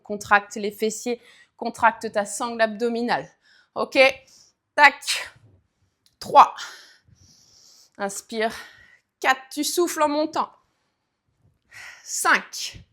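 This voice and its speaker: A woman's voice: a little high, fairly bright tone. A woman leading a guided leg workout, counting reps and cueing form as she exercises. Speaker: fitness coach.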